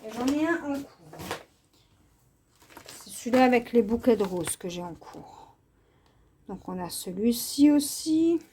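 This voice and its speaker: A woman hosting her own craft channel, showing her cross-stitch canvases in a casual, unhurried vlog, hesitant and full of fillers. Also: a little high, animated, mellow, slight background noise. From France. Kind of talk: casual show-and-tell vlog.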